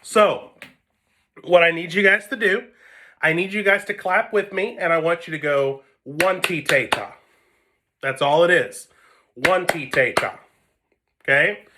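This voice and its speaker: A man's voice: fairly high pitch, unhurried, background noise. A man teaching an online string lesson from home on a phone camera, patient, checking in often. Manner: patient, repeats 'okay?' often. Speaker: music teacher. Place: home, seated with whiteboard.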